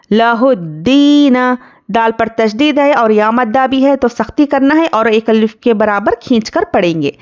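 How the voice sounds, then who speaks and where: A woman teaches Quran recitation in a patient, step-by-step way, breaking off to recite each phrase slowly and drawn out. Her voice sits fairly high and sounds smooth and clear. The recording is dull and lo-fi. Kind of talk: tajweed lesson, explaining rules word by word.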